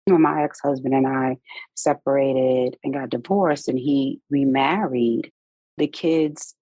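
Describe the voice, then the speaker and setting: A woman's voice: rumbling low, steady tone, measured pace, mellow, dry recording, rough recording. A middle-aged woman co-hosting a casual podcast, speaking candidly and telling stories from her own life. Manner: candid, storytelling from personal experience. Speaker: podcast co-host.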